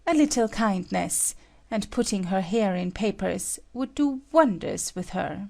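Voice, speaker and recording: A woman's voice: mid-range voice, expressive, a little slow, creaky, darkish tone. A woman voicing a bossy, condescending storybook queen in a commanding, patronising manner. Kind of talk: dramatized audiobook character acting.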